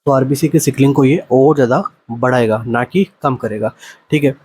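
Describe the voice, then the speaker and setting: Guy teaching nursing mcqs, asks questions then answers them, mid pitch, bit of faint noise behind. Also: a little mellow. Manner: asks rhetorical questions and answers them, reads English options slowly. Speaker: nursing exam coaching teacher. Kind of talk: explaining exam questions in Hindi-English mix.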